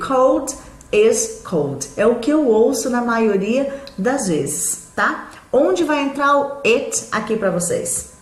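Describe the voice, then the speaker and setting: A woman's voice: on the high side, roomy sound. Patient Brazilian woman teaching English. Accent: São Paulo interior Brazilian Portuguese. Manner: patient and explanatory, with frequent "tá?" check-ins. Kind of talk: live online English lesson.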